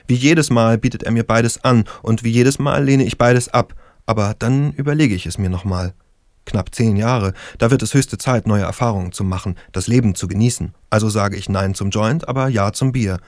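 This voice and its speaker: A man reading a first-person story aloud in a calm, measured and slightly wry way. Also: fairly low pitch, dry recording, studio quality. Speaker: audiobook narrator. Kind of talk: first-person scripted narration.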